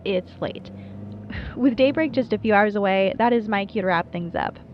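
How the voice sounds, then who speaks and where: In a scripted radio show monologue for an audio roleplay, a woman plays a wry, playful small-town late-night radio host, chatty, breezy and dryly self-deprecating. Her natural, mid-range voice moves at a moderate pace. The recording is muffled, with a little hiss or hum.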